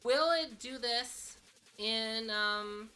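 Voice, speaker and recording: A woman's voice: fairly high pitch, extremely slow, sharp tone, smooth, faint music behind. A woman chatting casually as a virtual streamer on a live stream, with a cute, bubbly anime-streamer delivery. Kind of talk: casual livestream chat.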